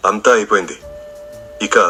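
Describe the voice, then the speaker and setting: A man's voice: fairly low pitch, moderate pace, sharp tone, soft background music. A man voicing a remorseful, weak-willed young groom in a spoken family drama, with a sorrowful, subdued delivery. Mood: regretful.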